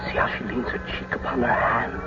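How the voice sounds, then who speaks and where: A man's voice: medium pitch, steady tone, brisk, lightly acted. An actor playing Romeo, an ardent young nobleman in love, with romantic, declamatory radio drama delivery. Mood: adoring. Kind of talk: classical stage-style radio drama acting. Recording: muffled old radio recording with music.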